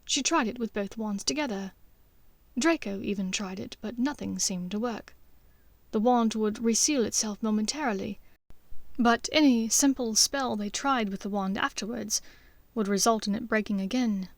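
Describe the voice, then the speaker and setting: A woman narrates scripted fiction for an audiobook, measured and expressive as she tells the story. Her voice sits at medium pitch, with no room sound.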